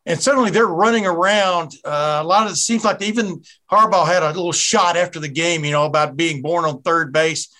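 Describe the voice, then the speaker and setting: A man's voice: on the high side, a little fast, hardly any pauses, bright, forceful tone. A man with a Southern American accent hosting a sports podcast, chatty and rambling with many restarts. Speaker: podcast host. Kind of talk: casual sports podcast interview.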